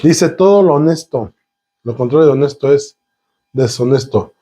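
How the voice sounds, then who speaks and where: Man, preacher, sermon, rhetorical questions, warm mellow voice. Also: medium pitch, lively intonation, normal speed. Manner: rhetorical questions and long strings of synonyms; talks with the congregation, asking them questions.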